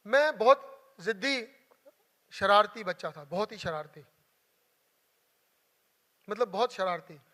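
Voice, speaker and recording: Young male motivational speaker, very high bright voice, earnest and emotional, long hall reverb. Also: lively intonation, slow, long pauses. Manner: emotional, earnest, repeats for emphasis. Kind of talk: motivational storytelling talk.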